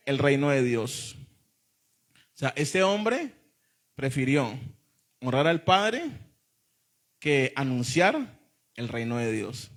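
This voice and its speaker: Emphatic pastor preaching. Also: male voice, on the high side. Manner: emphatic preaching, repeated calls to the congregation. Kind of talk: sermon. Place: church before a congregation.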